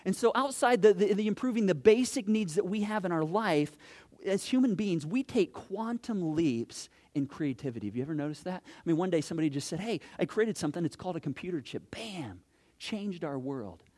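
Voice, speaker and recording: Animated preaching man, slightly high voice. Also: moderate pace. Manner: animated, rhetorical questions, swings from loud to hushed. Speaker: pastor. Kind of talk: sermon. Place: church.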